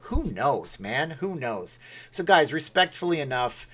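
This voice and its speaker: A man's voice: fairly high pitch, very animated, a little slow, a bit bright. A man hosting a casual livestream, rambling and reading viewer comments aloud. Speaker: livestream host. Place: Las Vegas.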